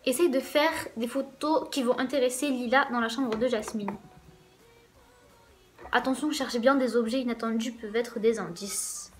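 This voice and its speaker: A woman's voice: on the high side, fairly even intonation, moderate pace, faint music behind. A woman hosting a let's play, reading a visual novel's first-person narration aloud in a casual way with wry asides.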